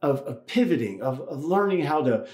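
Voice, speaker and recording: A man's voice: on the high side, very animated, normal speed, a little mellow. Man preaching in an echoey church. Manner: conversational, with many restarts and repeated words. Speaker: priest. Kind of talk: Easter sermon with a told joke. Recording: roomy church echo.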